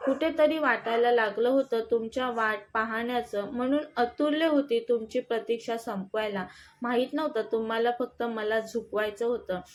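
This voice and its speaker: A woman's voice: on the high side, normal speed, natural voice. A woman reading the part of a hurt young wife who angrily accuses her husband, in an audio story. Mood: defiant. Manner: accusing, defiant.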